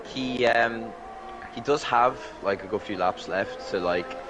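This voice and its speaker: A man giving casual race analysis as a motorsport commentator, in a tentative, halting way full of fillers. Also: medium pitch. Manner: tentative, halting delivery with many 'like' fillers. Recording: clearly noisy, engine sound behind the voice. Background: racing car engines from the game.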